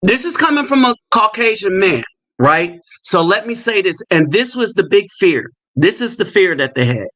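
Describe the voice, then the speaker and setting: A man hosting a live stream, talking casually in quick bursts with asides and fillers. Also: high-pitched, sing-song, bright, forceful tone. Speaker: livestream host.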